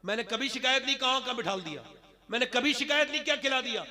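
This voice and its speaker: A man preaching a fiery religious sermon to a gathering, moving from quiet asides to impassioned shouting and firing rhetorical questions at the crowd. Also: very high-pitched, animated, fast.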